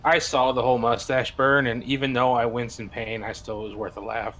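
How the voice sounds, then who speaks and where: Man, tabletop player, crude banter, bright tense tone, faint noise. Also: medium pitch, level tone, fairly quick. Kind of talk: casual tabletop play.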